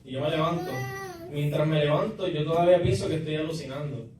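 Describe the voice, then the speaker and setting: A young man gives a church testimony, stumbling and repeating words as he goes. His voice sits slightly high. He is picked up from a distance in a very echoey hall with clear background noise. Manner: halting, repeats words while storytelling. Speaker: testimony giver. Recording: echoey room, distant mic, noisy.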